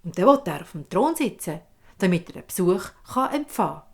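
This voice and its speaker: A woman with a Swiss German accent telling a fairy tale in a vivid, expressive way. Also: lowish voice, fairly quick. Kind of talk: oral fairy-tale storytelling.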